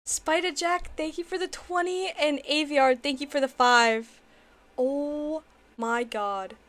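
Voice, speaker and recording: A woman livestreamer chatting casually to her viewers in a playful, giggly, excitable gamer-girl manner. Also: high voice, takes it slowly. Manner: excitable, exclamatory.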